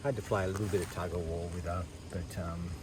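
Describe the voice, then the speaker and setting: Deep-voiced Australian wildlife host, outdoors. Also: male voice, fairly even intonation, fast, far from the mic. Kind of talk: wildlife field vlog, casual presenting to camera. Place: outdoors in the bush. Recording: outdoor field recording with background noise.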